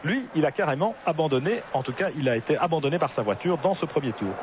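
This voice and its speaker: A man's voice: a little high, animated, quick pace. A man giving live motor racing commentary as the lead television commentator. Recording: muffled broadcast audio, loud engine and track noise.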